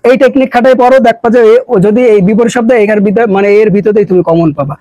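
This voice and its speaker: A man's voice: high-pitched, quick pace, mellow, no echo, low-quality recording. A man teaching an exam-prep lesson, casual and coaxing, who keeps asking a question and giving the answer again and again. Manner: repeats questions and drills answers; colloquial, coaxing.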